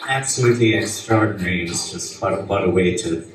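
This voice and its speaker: A man's voice: sits low, fairly quick, far from the mic. A man with a west of Ireland accent giving casual, rambling stage banter between songs as a singer-songwriter at a live show. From Galway, west of Ireland. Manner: rambling, chatty asides. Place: live performance venue with PA. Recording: very echoey live venue, guitar behind.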